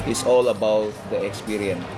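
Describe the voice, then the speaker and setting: A man who grew up in Malaysia speaks in a somewhat low voice, talking easygoing and a little halting as a head chef. He laughs easily between thoughts. Music plays clearly behind him. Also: steady tone. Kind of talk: casual interview chat.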